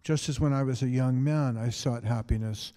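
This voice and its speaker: An older man giving a calm spiritual lecture in short phrases, pausing for an interpreter. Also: medium pitch. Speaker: visiting lecturer. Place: festival lecture hall. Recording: long hall reverb.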